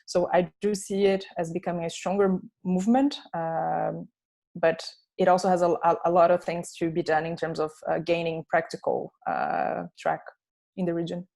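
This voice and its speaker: Low-voiced woman researcher, hesitant. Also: level tone, normal speed, vocal fry, darkish tone. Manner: thoughtful, many filler uh sounds. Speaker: researcher presenting findings. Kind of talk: online panel answers. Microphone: video call.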